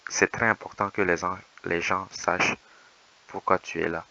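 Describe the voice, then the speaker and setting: A man giving calm, measured voice-over commentary as a dating coach, explaining and reassuring. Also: sits low, creaky, lo-fi sound.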